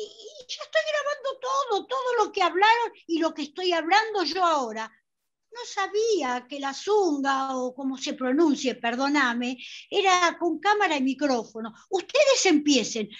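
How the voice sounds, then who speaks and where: In lo-fi sound, a woman whose voice sits high acts out the role of a rambling, pleading elderly mother for an amateur video-call theatre play. Her Rioplatense Spanish accent comes through, along with frequent hesitant fillers.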